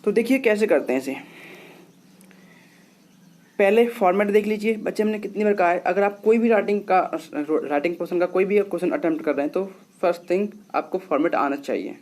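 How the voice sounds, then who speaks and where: A man's voice: high-pitched, brisk, a little mellow. A man teaching a lesson, explaining patiently and often repeating himself as he talks to his students. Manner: patient, repetitive, addresses students as children. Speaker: English teacher.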